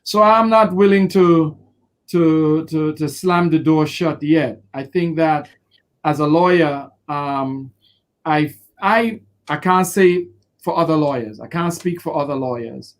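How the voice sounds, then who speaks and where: A man, a defense lawyer answering in an interview, expressive and quick to act out what people said. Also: a little high. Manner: expressive, acts out quotes with laughter.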